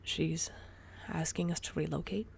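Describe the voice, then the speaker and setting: A woman voicing a calm older brother borrower who speaks softly and quietly in a storybook reading. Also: low voice, creaky, a little hiss or hum, heavily acted. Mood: soft, firm. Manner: soft, quiet and halting.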